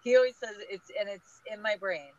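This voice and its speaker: A woman guest on a podcast interview, talking in an energetic, emphatic, advice-giving way. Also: mid-range voice, normal speed. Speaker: guest, small business group leader. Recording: dull lo-fi audio.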